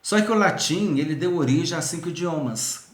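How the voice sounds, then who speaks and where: A man's voice: fairly high pitch, animated, brisk. Teaching man in an echoey room. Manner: explanatory, restarts and repeats points; addresses viewer directly. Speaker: seminary teacher. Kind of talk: recorded video lesson.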